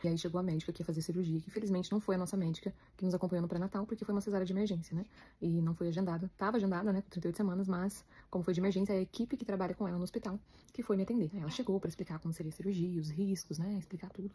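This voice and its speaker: A Brazilian woman with a Brazilian Portuguese accent, chatting to her viewers in a rapid, emotional way as she retells her story. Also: fairly low pitch, fairly even intonation, mellow, husky. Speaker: vlogger, new mother.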